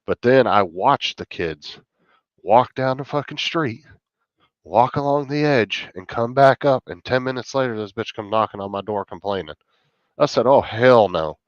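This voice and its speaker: A middle-aged man with a medium-pitched voice talks at a normal speed during casual chat on a live stream. He rants bluntly, swearing heavily, and the audio is muffled with an echoey room sound.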